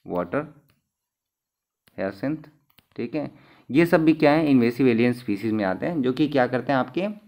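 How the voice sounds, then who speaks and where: A male exam-prep teacher, pitched in the middle range. He talks through the questions in a conversational way, asking the class questions and answering them himself, and repeats each key term so it sticks. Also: expressive, moderate pace, long pauses, darkish tone.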